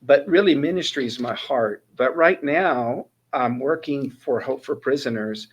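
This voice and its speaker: In a slightly rough mid-range voice at a measured pace, a Northern California man in his sixties talks casually in an interview about his life. He works as a ministry mentor coordinator, and his earnest testimony keeps circling back as he restarts sentences.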